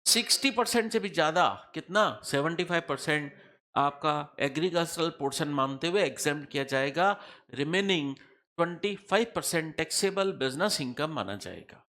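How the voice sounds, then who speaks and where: A middle-aged man lecturing a class on tax law, in a high-pitched voice. His tone is bright and forceful, and he keeps repeating the key percentages. He throws quick questions at his students to check they are following. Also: expressive. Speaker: tax teacher.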